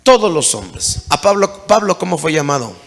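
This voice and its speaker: Bright-voiced preacher in echoing hall. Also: male voice, a little high, very animated, normal speed, gravelly. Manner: preaching with rising intensity, calling out to congregation. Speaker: pastor. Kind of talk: sermon. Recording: long hall reverb.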